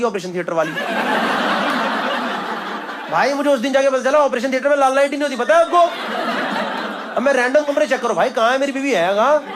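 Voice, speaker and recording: On a comedy stage before a live audience, a man with a very high-pitched voice performs stand-up, telling a story conversationally and acting out the voices of the people in it. It's a live show, with loud crowd laughter filling the noisy background.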